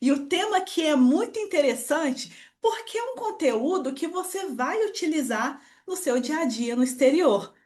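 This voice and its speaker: A woman's voice: high voice, lively intonation, moderate pace, few pauses, darkish tone. A woman teaching a French lesson online, upbeat and encouraging, talking straight to the viewer. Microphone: computer screen recording voice-over.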